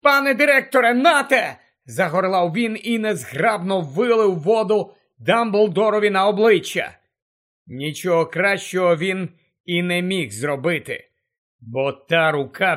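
A man with a high voice for his sex reads a fantasy audiobook with urgent, dramatic narration. He drops lower and quieter for the dark passages. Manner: tense, urgent storytelling that drops low and quiet for dark moments.

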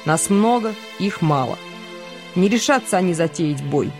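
A man playing a proud storybook elf king who speaks with lofty, measured calm. The voice is lifted high above his usual tone. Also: over music.

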